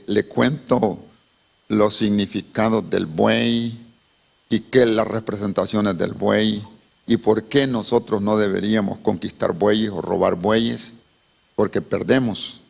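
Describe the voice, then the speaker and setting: A man preaching a sermon as pastor, telling stories and acting out the dialogue, rising in pitch and force as he exhorts. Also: slow, gravelly. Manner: animated storytelling, voicing characters in dialogue; rises in pitch and volume when preaching. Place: church sanctuary.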